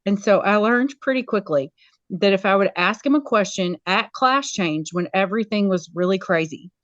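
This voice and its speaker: A woman, a school media specialist, talking casually as an interview guest in an animated way. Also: medium pitch, moderate pace, no echo, muffled recording. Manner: animated, acts out quoted voices.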